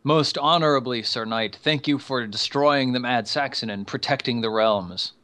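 A man's voice: mid-range voice, normal speed, bright, forceful tone, lightly acted. A man voicing an awed male bystander who thanks a knight formally in a tabletop game.

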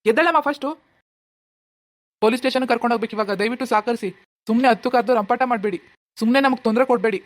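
A woman voicing a stern police officer in a cartoon, giving orders fast and curtly. The voice sits fairly high. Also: close to an everyday voice. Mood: impatient. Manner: brisk, ordering. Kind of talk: cartoon voice acting.

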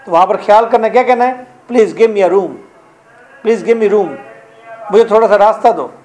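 A man's voice: sits high, measured pace, darkish tone. A middle-aged man with a Pakistani accent teaching a classroom English grammar lesson, drilling rules and quizzing his students.

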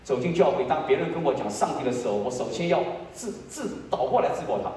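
Man in his sixties, pastor, lively pitch, hushed then surging sermon delivery, heard from far off in a roomy church. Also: fast, a little hiss or hum. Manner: swings between hushed low lines and loud high emotional peaks. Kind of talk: sermon with personal testimony. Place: church sanctuary. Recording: echoey church hall, voice from far off.

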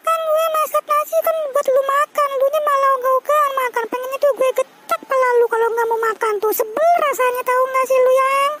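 A woman voicing a young cartoon wife who scolds her sick husband with a shrill, nagging, Jakarta Betawi-accented voice. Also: steady tone, a little fast, few pauses, fairly bright tone, slight background noise. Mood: scolding.

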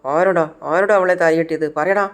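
A man's voice: on the high side, steady tone, a little fast, clear, resonant tone, natural voice. A man voicing a proud, possessive rich man from a TV serial who demands answers. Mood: angry. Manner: demanding, commanding.

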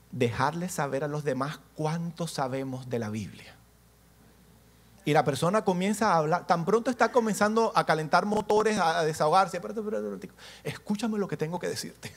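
A man preaching to a church congregation, animated, asking the listeners questions and acting out little scenes as he teaches. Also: a little high, normal speed. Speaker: pastor.

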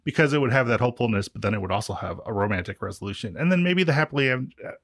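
A man's voice: mid-range voice, animated, rapid-fire, no echo, clean studio sound. A man in his forties co-hosting a podcast, chatting casually about a book in a wry, rambling way that keeps interrupting itself. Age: 40s. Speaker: podcast co-host.

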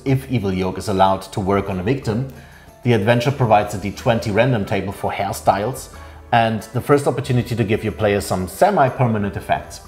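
A man in his thirties co-hosting a game review, critiquing its flaws in a measured way in a small indoor room. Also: lowish voice, a little mellow. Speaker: co-host reviewing a game adventure. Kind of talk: casual review chat.

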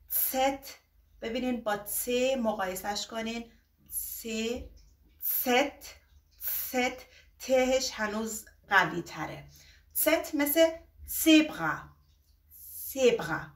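Woman, higher voice, teaching beginners the alphabet, drawn-out example words, roomy echo, a little off mic. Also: lively intonation, bright, forceful tone, recorded from a distance. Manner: slow, drawn-out example words, quick asides. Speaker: German teacher.

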